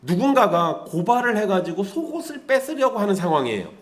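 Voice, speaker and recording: Man, pastor delivering a lively conversational sermon, voice a bit high with wide swings. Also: fairly quick. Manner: lively, conversational preaching with rhetorical questions to the congregation.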